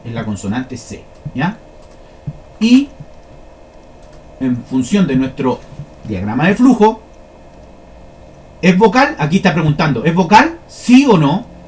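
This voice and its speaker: A man's voice: a little high, very animated, takes it slowly, pauses often, darkish tone, a little hiss or hum. A man teaching a lesson, explaining step by step and often checking that his listeners follow. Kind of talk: classroom lesson on flowcharts.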